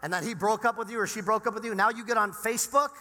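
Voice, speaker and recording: Bright-voiced male preacher in a reverberant hall. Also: sits high, quick pace. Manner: animated preaching, swinging between loud emphasis and near-whispers. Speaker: pastor. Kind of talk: sermon.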